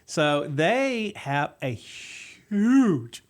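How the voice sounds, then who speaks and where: A man's voice: a little high, sing-song, drawn-out words. A man with a Texan accent hosting a casual radio chat, rambling and laughing often. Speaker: radio show host.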